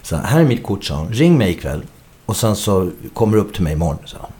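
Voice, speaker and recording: A man's voice: low voice, sing-song, mellow. A middle-aged man, a musician guest, telling a story in a casual interview, acting out the quoted dialogue and swearing casually.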